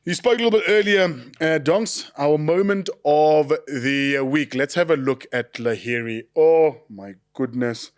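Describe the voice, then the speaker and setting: A man's voice: a little high, unhurried, hardly any pauses. A jovial man co-hosting a casual sports chat show, laughing often and using lots of fillers. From South Africa. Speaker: co-host.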